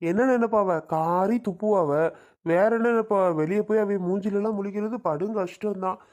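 A man's voice: sits high, fairly even intonation, moderate pace, darkish tone, natural voice. A man playing an exasperated grown son in a family drama skit, answering bluntly.

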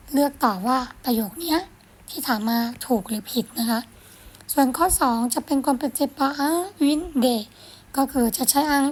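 A woman teaching French, reading phrases slowly and carefully, then explaining them quickly in a gentle, encouraging way. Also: sits high. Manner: gentle, encouraging, ends phrases with polite particles. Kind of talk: explaining a French lesson in Thai.

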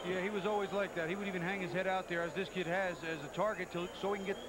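A man's voice: high voice, fairly even intonation, racing. A man analysing a fight as a commentator, conversational, plain-spoken and explanatory. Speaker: boxing analyst. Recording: noisy old TV sports broadcast. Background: loud arena ambience.

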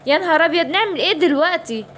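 A woman with an Egyptian accent voicing a caring mother lioness who fusses quickly in a children's bedtime story. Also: extremely high pitch, lively intonation, fairly bright tone, a little hiss or hum, pitched above the performer's own voice. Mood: fussing. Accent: Egyptian Arabic.

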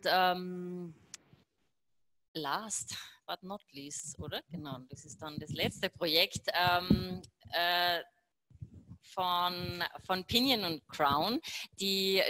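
A woman moderating a panel talk, halting with many fillers and restarts. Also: on the low side, fairly bright tone.

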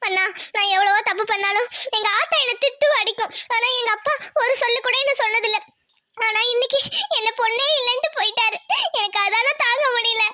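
Cartoon heartbroken village girl voiced by a woman, very high and bright voice, tearful throughout. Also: quick pace, hardly any pauses, no room sound. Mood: despairing. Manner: sobbing, despairing. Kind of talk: cartoon voice acting.

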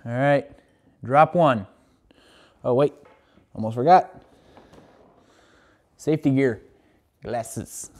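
Speaking slowly in a mid-range voice with frequent pauses, a young DIY tester thinks aloud plainly while working through tests in his garage workshop. He's casual, recorded by a camera on the far side of the room. The sound is reverberant.

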